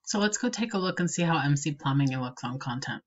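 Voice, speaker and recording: A woman's voice: deep voice, fairly quick, dull audio. Woman explaining SEO over a screen recording. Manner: explanatory, steady and practical. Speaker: marketing consultant.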